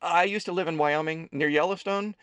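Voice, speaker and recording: A man voicing a gentle, shy young man who talks haltingly. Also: on the high side, fairly even intonation, smooth, no room sound, pitched above the performer's own voice, lightly acted. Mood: sober. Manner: hesitant, halting.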